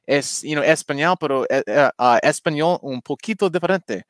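A man chatting casually on a livestream, speaking in halting phrases full of fillers and English asides. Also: a little high, no echo, studio quality. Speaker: guest YouTuber.

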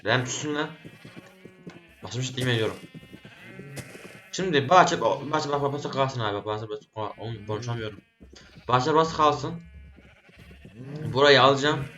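A man's voice: medium pitch, moderate pace, bright, forceful tone, muffled recording. A man giving casual gameplay commentary, talking to himself and scolding the animals and the game as he plays. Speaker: gaming YouTuber.

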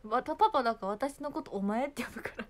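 A woman's voice: on the high side, sing-song, brisk. A young woman, chatting casually and giggling on a phone livestream. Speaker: idol livestreaming to fans.

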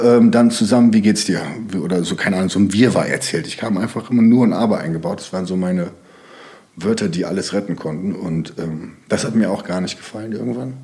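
His voice is lowish and mellow. He's a young man from Sauerland, Germany, appearing as a podcast guest in casual interview conversation, rambling in loose sentences packed with fillers.

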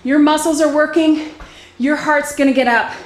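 A woman's voice: high voice, steady tone, moderate pace, echoey room, noisy background. A young woman leading a live bodyweight workout as fitness instructor, calling out cues while exercising along and a little out of breath.

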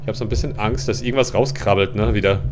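A man doing let's play commentary on a horror game, chatty with his viewers and jumpy, swearing and shouting at scares, close on a studio mic. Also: on the low side, fast talker, over music. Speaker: let's player. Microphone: large-diaphragm studio mic, close.

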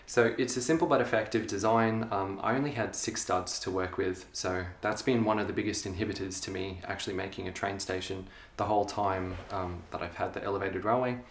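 Young man chatting through a home tour. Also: lowish voice. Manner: relaxed, chatty, frequent ums. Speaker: LEGO hobby vlogger. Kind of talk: casual show-and-tell. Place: carpeted room at home. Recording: echoey room, faint noise.

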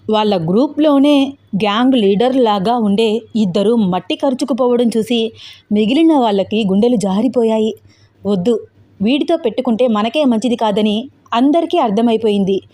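A woman narrating a romantic audio story in a steady, expressive reading style. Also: a little high.

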